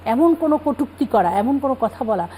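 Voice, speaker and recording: Woman guest scholar, calm explanatory delivery, relaxed tone, light background hiss. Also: fairly high pitch, a little fast, poor audio. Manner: calm explanatory, cites scripture. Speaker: religious guest speaker. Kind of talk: Islamic talk show explanation.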